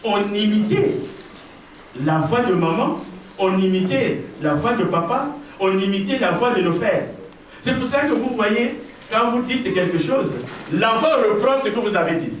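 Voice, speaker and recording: A man's voice: high-pitched, expressive, a little slow. A man preaching a sermon as pastor, emphatic and repeating his key phrases while addressing the congregation directly. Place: church hall. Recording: very echoey church, mic far off, faint noise.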